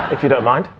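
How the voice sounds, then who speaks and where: A man's voice: mid-range voice, heavy background noise. A man with a West Midlands accent, a guest on a comedy panel show, giggling and fumbling his questions. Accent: West Midlands English. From West Midlands, England. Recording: loud studio audience laughter, slightly dull.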